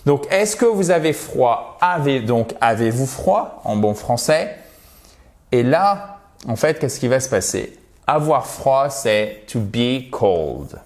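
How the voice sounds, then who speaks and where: Male online language teacher, middle pitch, slow pace, drills pronunciation by repetition. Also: big pitch swings, darkish tone. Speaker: English teacher.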